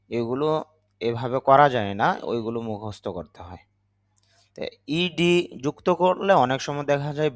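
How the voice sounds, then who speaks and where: A man with a Bangladeshi Bengali accent teaches English grammar. He talks patiently and repeats each rule step by step, at an ordinary middle pitch. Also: no echo, clean studio sound.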